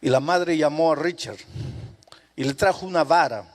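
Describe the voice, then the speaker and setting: An older male pastor telling a story in a sermon, dramatic, swinging from hushed to emphatic. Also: fairly high pitch, normal speed, big-room sound.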